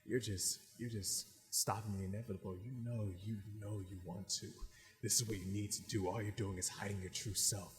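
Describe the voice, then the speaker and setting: A man voicing a cocky, sadistic male inner beast, the dark side of a wolf, in a low, hushed, goading murmur. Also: fairly even intonation, brisk, long reverb tail, close to an everyday voice.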